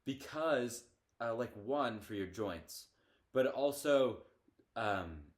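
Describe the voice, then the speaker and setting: A teenage boy co-hosts a podcast in loose, casual chat. He talks with a medium-pitched voice, often stalls on fillers and starts his sentences over as he hunts for words. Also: lively intonation, slow pace. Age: teens. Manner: hesitant, lots of fillers and restarts. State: hiccups. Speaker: podcast co-host.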